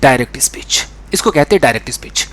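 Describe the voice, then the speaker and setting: A young man teaching a spoken English lesson in an animated way, acting out the dialogue he explains. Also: medium pitch, fast, slight background noise. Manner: animated, acts out quoted dialogue.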